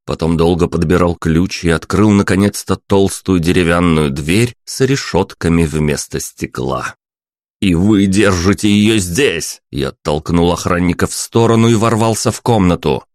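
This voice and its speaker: Deep-voiced male audiobook narrator. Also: normal speed, few pauses, darkish tone, dry recording, clean studio sound.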